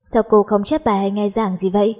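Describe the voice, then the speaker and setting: Lady reading as a cocky rich schoolboy, mellow husky voice, scolding and snarky. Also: medium pitch, level tone, fairly quick, lightly acted. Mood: needling. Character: brash teenage schoolboy, arrogant rich heir.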